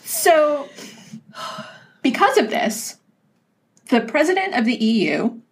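A woman's voice: high-pitched, sing-song, slow pace. A woman co-hosting a podcast, chatting casually over drinks, laughing often and swearing freely. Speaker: podcast co-host.

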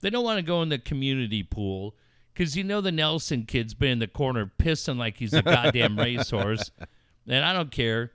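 Animated, swearing man on talk radio. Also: mid-range voice, fairly quick, smooth, no echo, clean studio sound. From Southern California. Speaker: radio show host. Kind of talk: casual profane talk radio chat.

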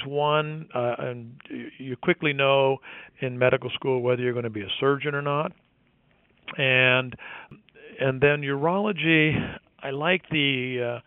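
A man's voice: mid-range voice, dry recording. Urologist man, tinny phone-like sound. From Ireland. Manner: relaxed, halting with fillers and restarts. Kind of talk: interview answers.

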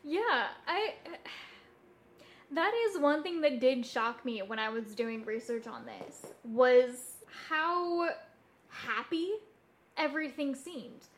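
A woman's voice: high-pitched, animated, slow. A woman co-hosting a casual chat about hauntings, telling stories informally and thinking aloud with some hesitation. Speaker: podcast co-host.

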